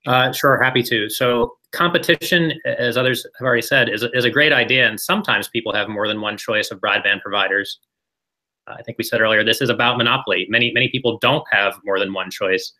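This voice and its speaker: A man's voice: medium pitch, a little fast, sharp tone, poor audio. A man on a panel speaking with assured, fluent advocacy. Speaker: panelist, policy expert. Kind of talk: panel discussion.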